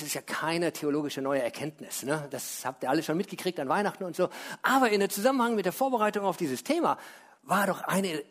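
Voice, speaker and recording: Male pastor with a light, high voice, casual lively sermon delivery. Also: slightly rough. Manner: lively, conversational preaching with tag questions; drops low and slow for scripture quotes.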